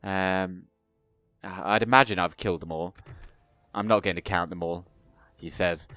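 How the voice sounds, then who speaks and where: Here a gaming video host, a young man with a cold and a congested nose, chats casually while playing a strategy game, rambling and frequently correcting himself. He speaks in a low voice, pushed and bright, holding a steady tone at a moderate pace. The sound is dry.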